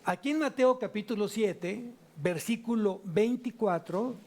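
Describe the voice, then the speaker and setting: A man with a Mexican Spanish accent preaching a sermon at a church service, asking the congregation question after question and drawing out key words slowly. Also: high-pitched. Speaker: pastor.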